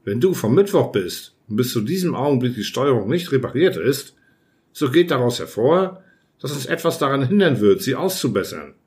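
A man voicing a stubborn space traveler who reasons slowly and deliberately in an audiobook reading. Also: medium pitch, big pitch swings, a little mellow, lightly acted. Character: male space traveler, stubborn ponderous Tuesday self. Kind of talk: audiobook character voice.

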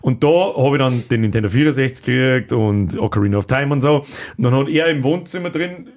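A man's voice: mid-range voice, fairly quick, a little mellow. A man, co-hosting a casual podcast chat, talking bluntly, swearing freely and telling stories. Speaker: podcast co-host.

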